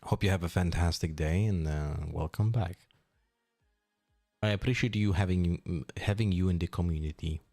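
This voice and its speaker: A man casually chatting on a live stream, reading and answering chat in a relaxed, mumbling way that trails off. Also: low-pitched, moderate pace, faint music behind.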